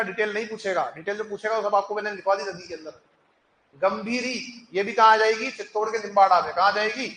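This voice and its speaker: A man's voice: sits high, a bit bright. A male teacher giving an exam-prep lecture. He puts questions to the class, answers them himself and drills the key points again and again. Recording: echoey room with faint noise.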